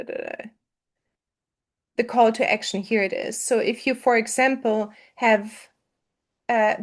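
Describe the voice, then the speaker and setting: A woman coaching students through an online marketing lesson, talking casually with frequent fillers and restarts. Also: mid-range voice.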